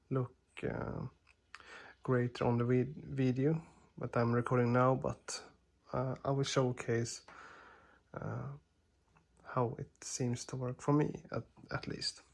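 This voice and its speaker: In a dark living room, a man narrates a casual TV demo into his camera's microphone, his English slow and deliberate. He's a Swedish native speaker from Sweden with a gravelly, creaky voice that stays level in pitch. He sounds hesitant and apologetic, stumbling through fillers and frequent restarts.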